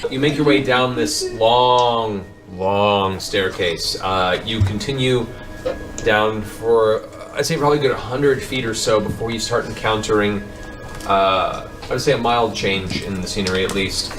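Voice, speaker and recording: Narrating a tabletop fantasy game as its game master, a man tells the story in a dramatic, improvised way. His voice is on the low side and unhurried, and background music runs under it.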